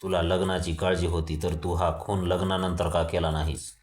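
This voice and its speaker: Guy voicing a tough cop barking orders, deep and flat, roomy sound. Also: moderate pace, lightly acted. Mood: mocking. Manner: loud, harsh, mocking. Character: stern commanding male police inspector.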